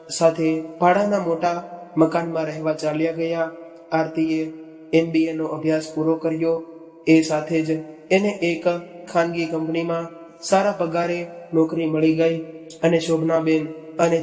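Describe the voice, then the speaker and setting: A man narrating a moral story in a steady, unhurried way. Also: a little high. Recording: echoey, reverberant room with faint music. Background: faint background music.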